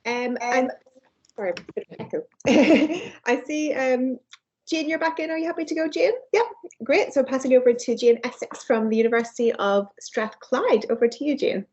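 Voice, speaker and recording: A woman chairs a seminar over a video call, her voice coming through dull and slightly distant. Her tone is a little breathy and fairly high, brisk and encouraging as she hands over to the next speaker. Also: darkish tone. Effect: heard over a video call. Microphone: computer mic on a video call.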